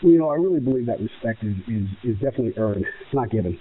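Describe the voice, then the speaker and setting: American male wrestler interviewee, emphatic and repetitive, quick delivery, heard through a thin phone-like line. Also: medium pitch, animated, slight background noise. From United States. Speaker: professional wrestler being interviewed. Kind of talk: spoken interview answers. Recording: muffled, narrow phone-like radio sound.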